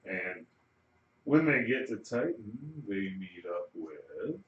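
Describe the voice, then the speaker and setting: A man with a lowish voice walks steadily through a plot recap and drops dry asides along the way. The sound is roomy and a bit muffled. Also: big pitch swings, slow pace. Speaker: podcast co-host. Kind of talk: casual chat.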